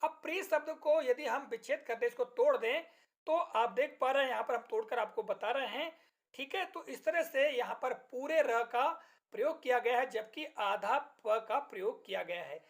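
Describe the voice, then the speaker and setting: A man teaching a grammar lesson from slides. He explains step by step, checks in often with the class, and recites poem lines slowly and deliberately. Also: extremely high pitch.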